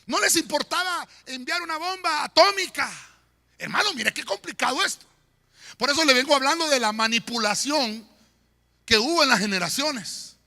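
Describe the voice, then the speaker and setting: A pastor preaching a sermon in a church, swinging between shouts and quiet murmurs. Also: male voice, very high voice, expressive, moderate pace, vocal fry. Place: church sanctuary. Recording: long church hall reverb.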